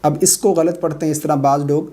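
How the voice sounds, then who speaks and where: A man, middle-aged, giving a brisk explanatory online lesson on correct recitation, pausing with drawn-out 'aa' sounds. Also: on the high side, steady tone, warm tone. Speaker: religious teacher of prayer recitation.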